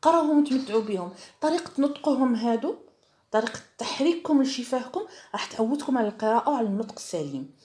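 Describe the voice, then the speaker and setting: A woman with an Algerian accent teaching French to young pupils in an online lesson. She reads words aloud slowly for the children to copy, and explains quickly in between. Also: fairly high pitch, very animated, darkish tone. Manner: switches between French and Arabic dialect, spells out words slowly; speaks slowly and clearly when reading aloud, quick when explaining.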